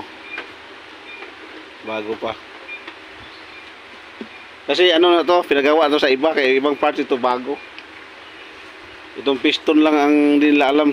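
A man's voice: medium pitch, slight background noise, rough recording. A repair technician talking casually through fixing a pressure washer pump at his workbench, pointing out parts in short remarks. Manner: talks while working, many short pointing remarks. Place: workshop bench.

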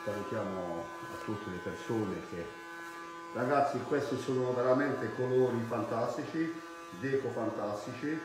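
A man, a hairdresser giving a casual, halting live demonstration in his salon. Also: medium pitch. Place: indoor hair salon. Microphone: phone held a short distance away. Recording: very echoey salon, faint background noise.

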